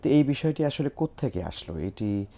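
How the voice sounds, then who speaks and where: A man's voice: mid-range voice, very animated, fairly quick, warm tone. A man hosting a live religious call-in program, politely prompting callers and reading out questions, with brief affirmations. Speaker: host. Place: television studio.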